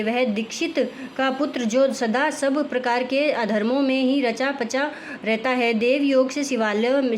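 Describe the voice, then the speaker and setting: A woman reading a scripture story aloud, halting and restarting many words as she goes. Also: sits high, a little hiss or hum. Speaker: scripture reader.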